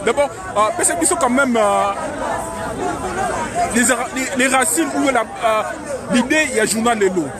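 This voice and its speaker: A man's voice: very high voice, moderate pace, long pauses. A male journalist interviewing a protester in the street, asking questions with many hesitations. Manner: hesitant, many fillers before his questions. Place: outdoor street march in Paris. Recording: noisy crowded outdoor street recording. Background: loud crowd.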